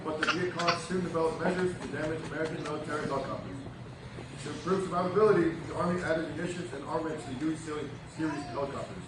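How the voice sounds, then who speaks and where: A man speaking into a podium microphone as ceremony announcer, reading a formal script with a steady, formal delivery. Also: fairly high pitch. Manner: steady, formal reading of names, ranks and dates. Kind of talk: formal scripted speech read aloud. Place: large military graduation ceremony venue. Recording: echoey hall recorded from far off, loud background noise.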